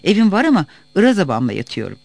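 Guy doing a gossipy village woman, grumbly and brisk, raised pitch. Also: huge pitch swings, creaky, darkish tone, no room sound, exaggerated voice. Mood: grumbling. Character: outspoken village woman, the old woman's sister.

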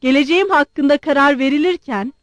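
A woman reading aloud and voicing a proud, blunt young woman who questions her suitor sharply and quickly. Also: sits high, no room sound, lightly acted. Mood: sharp demanding.

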